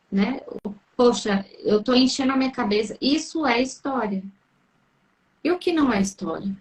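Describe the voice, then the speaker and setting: A woman, a therapist co-hosting a live Q&A, who talks things through with a string of probing, reflective questions. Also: fairly high pitch. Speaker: therapist co-host. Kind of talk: live Q&A chat.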